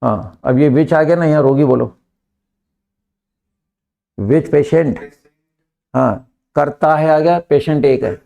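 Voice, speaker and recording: A man with an Indian accent teaching a live English class, drilling students and pushing them to answer quickly. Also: a little high, vocal fry, warm tone.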